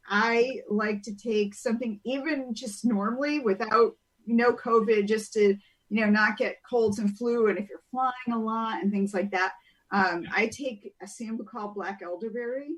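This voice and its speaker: A woman's voice: a little high, measured pace. A woman guest chatting over a video call, explaining wellness tips in a chatty way and laughing easily.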